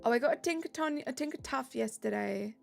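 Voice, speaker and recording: Talking a little fast in a high-pitched, animated voice that's gravelly and darkish, a British woman plays a game on stream. She chats casually and reads out viewers' messages in a bubbly way while light music plays behind her.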